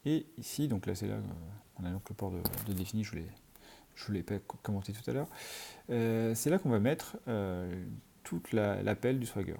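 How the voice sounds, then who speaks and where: A man's voice: on the low side, expressive, normal speed, gravelly, dark tone, slight background noise. A man teaching programming in a screencast, talking through his code as he types, with many fillers. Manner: thinks aloud while typing, many fillers. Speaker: programming tutor. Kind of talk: screencast coding tutorial.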